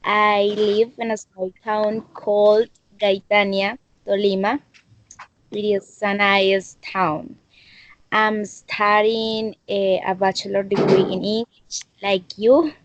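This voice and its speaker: A woman's voice: mid-range voice, flat delivery, lo-fi sound, a little hiss or hum. A woman around twenty, a Spanish speaker studying English, speaking earnestly on a video call. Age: 20s. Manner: earnest, measured learner's English. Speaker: English student. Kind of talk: introduction and answer in class discussion.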